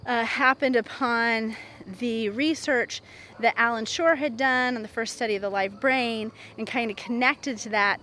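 A woman in her forties hosts her podcast as a therapist, talking in a chatty, animated way and laughing often. Her voice sits a little high. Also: a little hiss or hum. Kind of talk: casual podcast monologue.

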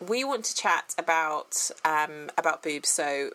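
Woman doctor co-host, lowish voice, steers the chat along, friendly. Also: lively intonation, a little slow, pushed and bright, low-quality recording. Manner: friendly, guides the talk with neat transitions. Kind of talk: casual chat.

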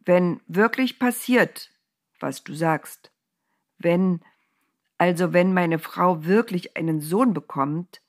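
A woman voicing a hesitant man who stammers slowly in a told Bible story. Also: low-pitched. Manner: stammering, slow. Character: halting, slow-witted man stammering.

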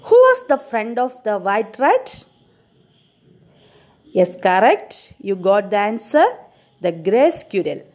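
Slow, lively-voiced woman teacher retelling a story. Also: mid-range voice. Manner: expressive, quizzes listeners with questions.

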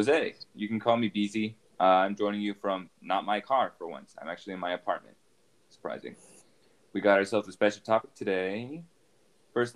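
Low-voiced guy hosting a podcast from home, joking around with his buddies. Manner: joking, teasing intros. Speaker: podcast host. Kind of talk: casual podcast chat. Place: his apartment.

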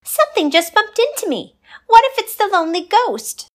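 A frightened little ballerina squeals in a very high, frantic voice, put on by a woman narrator. Her pitch jumps up sharply with panic. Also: sing-song, normal speed. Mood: scared. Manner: shrill, panicky.

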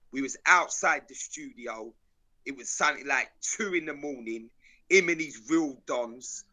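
A man's voice: medium pitch, pushed and bright, low-quality recording. A man with a South London accent, telling stories in street slang in an emphatic, declarative, repetitive way. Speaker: interview guest, videographer.

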